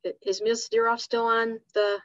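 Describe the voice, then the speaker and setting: A woman calling the roll at a formal board meeting over a video call, brisk and polite. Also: fairly high pitch, level tone, no echo. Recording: muffled video call audio.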